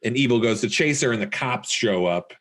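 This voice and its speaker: A man co-hosting a podcast, casually recapping a horror film, animated and laughing often as he acts out the characters' lines. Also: mid-range voice, fairly quick. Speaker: podcast co-host. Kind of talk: casual movie-recap chat.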